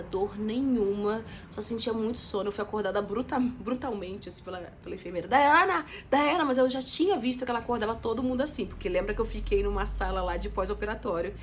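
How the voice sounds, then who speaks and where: A woman's voice: mid-range voice, a little hiss or hum. A young woman, telling a story to her viewers in a chatty, dramatic way. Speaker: vlogger. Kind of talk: casual storytelling to camera.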